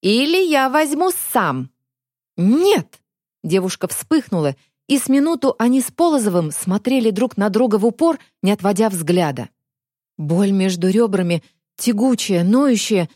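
A woman's voice: medium pitch, expressive, moderate pace, dark tone, dry recording, clean studio sound. Woman narrating a dramatic audiobook. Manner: vivid, dramatic storytelling. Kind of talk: expressive scripted narration.

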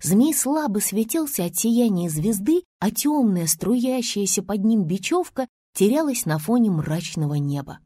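Woman storyteller, breathy and lively; expressive children's story narration, dry booth sound. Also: measured pace, no echo. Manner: animated storyteller with big pitch swings.

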